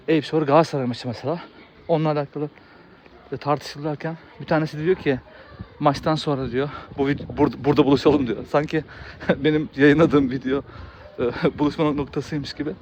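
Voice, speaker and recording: A man's voice: on the high side, darkish tone, low-quality recording. Guy rambling to camera outside, laughs a lot, lots of ums and restarts, bit of traffic hum. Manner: chatty, laughs often, many fillers and restarts. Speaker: video creator. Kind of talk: casual rambling monologue.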